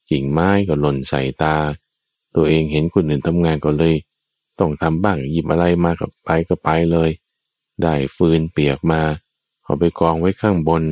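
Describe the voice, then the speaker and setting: A monk tells a Jataka tale in a sermon, his very deep voice moving at an unhurried, deliberate pace. He speaks, turns again and again to address his listeners, and his voice sounds close and dry with little room sound. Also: dark tone, no echo. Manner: slow, deliberate storytelling that addresses listeners directly. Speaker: Buddhist monk. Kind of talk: sermon telling Jataka tales.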